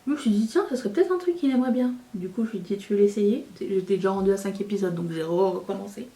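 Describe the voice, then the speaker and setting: A woman's voice: medium pitch, quick pace, mellow, far from the mic. A woman chatting casually while doing her makeup, rambling and self-mocking. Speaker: beauty youtuber. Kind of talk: casual get-ready-with-me chat.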